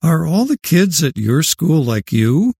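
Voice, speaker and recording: An actor playing a cranky, defiant old great-grandfather in an audio drama, gruff and scornful, sometimes bursting into shouts. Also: on the high side, very animated, a little slow, no room sound, studio quality, full character voice. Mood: probing, stubborn. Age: older.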